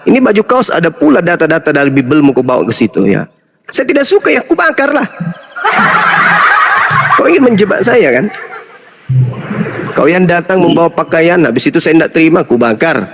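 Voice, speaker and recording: A man's voice: fairly high pitch, big pitch swings, brisk, pauses often, heavy background noise. A middle-aged man, delivering a heated, mocking rebuttal and scolding the people he addresses. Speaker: Islamic apologist speaker. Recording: long reverb hall.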